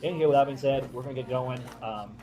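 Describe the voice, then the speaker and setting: A man's voice: medium pitch, fast talker, background noise. A man chatting casually as a vlogger. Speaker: vlogger, newlywed groom. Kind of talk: casual vlog chat.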